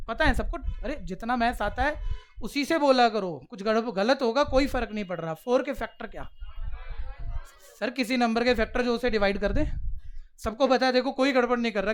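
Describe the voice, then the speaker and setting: A man teaching maths to a class, coaxing the pupils along with quick direct questions. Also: very high voice, clean tone. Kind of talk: classroom lecture.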